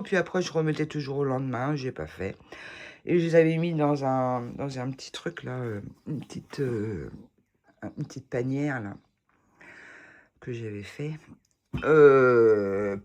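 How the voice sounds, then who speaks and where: Slow-talking, hesitant French woman. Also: low-pitched, a little mellow. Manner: rambling, full of hesitations and restarts. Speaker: vlogger showing tarot decks. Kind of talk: casual chat.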